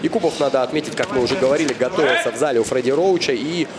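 A man's voice: mid-range voice, racing, a loud crowd. A man giving live, analytical boxing commentary as a co-commentator. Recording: loud arena noise behind the voice.

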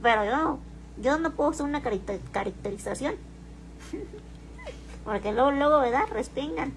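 A woman's voice: high-pitched, expressive, moderate pace, a little hiss or hum, poor audio. A woman chatting casually on a stream, teasing and defensive, with crude slang. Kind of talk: casual livestream talk.

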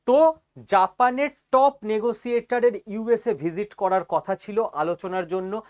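A man giving an explainer lecture as a teacher, speaking emphatically and often checking that listeners follow. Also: sits high.

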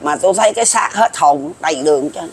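A man's voice: a little high, animated, fast talker, breathy edge. A man in his seventies with a Southern Vietnamese accent, talking to viewers in a rambling, folksy way and repeating himself. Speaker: folk prophecy commentator. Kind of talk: casual monologue to viewers.

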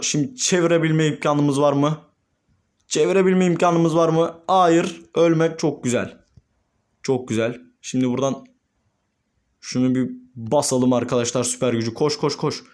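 A young man, a gaming YouTuber, commentating his own gameplay and swinging between calm murmurs and excited shouts. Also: on the high side, normal speed.

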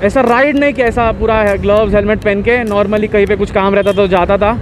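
A young man, chatting in a rambling, easygoing way while riding a motorbike on a highway and mixing in English words. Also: fairly even intonation, fairly quick, noisy background. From India. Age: young adult. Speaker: motovlogger. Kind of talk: casual chat while riding.

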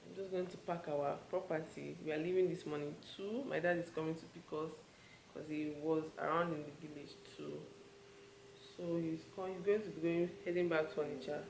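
Low-pitched and fairly quick, a young Nigerian-accented woman chats to her camera in a hotel room for a vlog. Her talk is casual, relaxed and run-on. It's recorded on a handheld camera mic at arm's length, sounding roomy with clear background noise.

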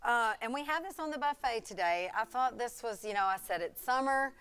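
A woman's voice: a little high, expressive, a little fast, fairly bright tone, clean tone. A middle-aged woman, a cafe cook, chattily walking through a recipe step by step on a TV studio kitchen set. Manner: chatty, walks through steps while working with her hands. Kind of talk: cooking demonstration on TV.

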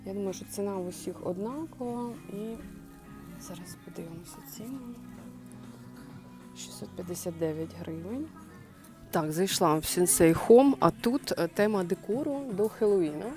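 A woman's voice: medium pitch, moderate pace, over music. A woman chatting to her viewers while browsing a clothing and home goods store, thinking aloud in a casual shopping vlog. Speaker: shopping vlogger.

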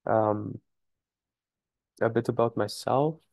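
A student in his twenties from Romania introducing himself on a video call through a headset, relaxed with a few hesitations. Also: lowish voice, slow pace, vocal fry, no echo. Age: 20s. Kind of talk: casual self-introduction.

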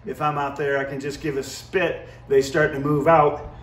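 A man's voice: on the high side, little pitch movement, normal speed, very noisy. Middle-aged man teaching, echoey and distant. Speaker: goose calling instructor. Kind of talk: casual instructional demonstration. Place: indoor room with brick fireplace. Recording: roomy, echoey, distant microphone.

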